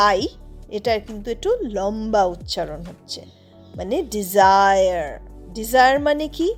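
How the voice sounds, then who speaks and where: A woman teaching English pronunciation, spelling out words letter by letter and reading the example sentences very slowly. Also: a little high. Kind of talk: slow, deliberate lesson narration.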